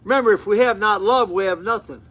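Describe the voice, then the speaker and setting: A man's voice: high voice, quick pace, a bit bright. A man in his eighties preaching while seated, reading scripture aloud and breaking into fervent exclamations, recorded on a phone camera in a small room. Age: 80s. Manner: fervent, rising to exclamations, repeats words and restarts. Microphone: phone camera at close range.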